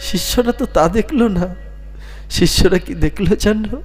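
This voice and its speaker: A man's voice: high voice, moderate pace, soft background music. A man reciting a devotional story in a dramatic, emotive way, asking his listeners questions. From West Bengal, India.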